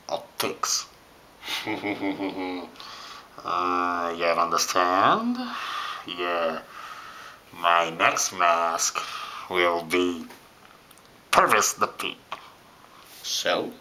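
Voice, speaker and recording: Man talking slowly through a face mask. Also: low-pitched, pushed and bright, a little hiss or hum. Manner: halting, with frequent "well" pauses. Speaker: costume and mask reviewer. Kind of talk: casual product review vlog.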